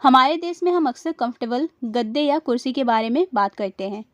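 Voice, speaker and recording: Higher-voiced woman teaching pronunciation. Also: expressive, a little fast, no room sound, highs cut off. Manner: quizzes viewers and repeats each word twice. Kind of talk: scripted lesson.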